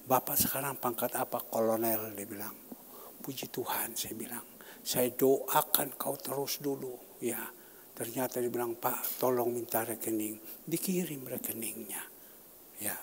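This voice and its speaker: A male pastor preaching in an informal, conversational manner, his voice ringing through a large, reverberant church hall. He swings between sudden loud bursts and quiet, dropped asides. A faint ambient hum sits behind him. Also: mid-range voice. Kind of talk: sermon.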